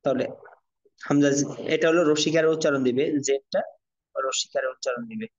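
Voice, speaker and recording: A man teaching a Quran reading class, slowly drilling letter sounds for his students. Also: mid-range voice. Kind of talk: online class lesson. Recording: dull lo-fi audio.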